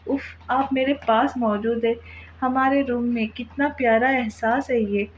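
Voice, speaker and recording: A woman's voice: a little high, fairly even intonation, unhurried, muffled recording, a little hiss or hum, close to an everyday voice. A woman voicing a loving, devoted husband in a storybook reading, speaking affectionately.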